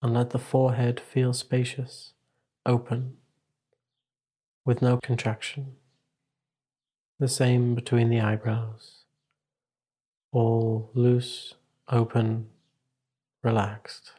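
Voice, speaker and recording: Leading a guided meditation, this man speaks in a husky, mid-range voice. He stays calm and instructive, pacing himself with long pauses.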